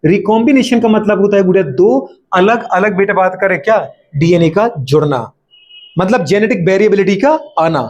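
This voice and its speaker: A man with a Hindi accent teaching biology in a high, light voice. He keeps firing questions at the class and answering them himself, with playful teasing along the way. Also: normal speed, darkish tone, muffled recording. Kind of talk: classroom lecture.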